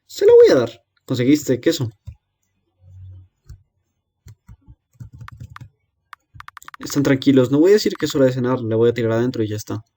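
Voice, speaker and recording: A man reads game dialogue aloud as a lonely young girl left by herself to feed monsters in her cellar, with a hesitant, quiet, resigned delivery. His medium-pitched voice races along and stays close to an everyday speaking voice, with a little hiss or hum in the audio.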